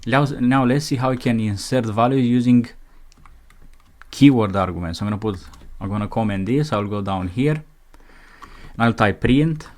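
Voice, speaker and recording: A man's voice: mid-range voice, a little mellow. A man teaching programming in a screencast, reading out code step by step as he types it, with keyboard clicks behind him. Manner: dictates code as he types, slow and methodical. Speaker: programming instructor. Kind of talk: screencast coding tutorial.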